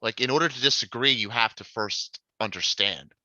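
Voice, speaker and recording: A man on a casual live stream who chuckles and tells stories excitedly while reading the chat. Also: fairly low pitch, normal speed, no room sound. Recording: dry, muffled mic audio.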